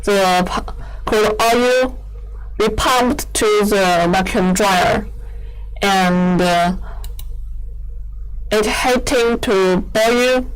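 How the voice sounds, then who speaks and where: Female product demonstrator, smooth clear tone, very slow delivery, halting non-fluent English, explanatory. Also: medium pitch, poor audio. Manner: halting, hesitant phrasing with repeated words. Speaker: equipment company presenter giving a machine demo.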